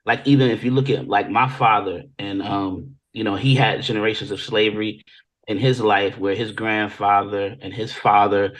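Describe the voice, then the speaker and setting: Speaking at a normal pace with a steady, fairly bright tone, this interview guest has a fairly low voice captured in a rough recording. He's a music industry veteran from Virginia Beach, Virginia, in the United States, chatting casually and sharing stories.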